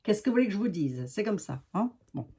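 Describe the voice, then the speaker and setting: A woman's voice: mid-range voice, very animated, fast talker, warm tone, husky. An older woman with a Lorraine accent, a tarot reader chatting casually to her viewers in a rambling way, full of asides. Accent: Lorraine French.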